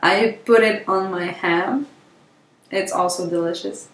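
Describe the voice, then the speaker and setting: A woman's voice: on the low side, measured pace, background noise. A woman, introducing herself to camera in a playful, light way. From Quebec, Canada. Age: 20s. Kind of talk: casual self-introduction to camera. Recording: echoey room.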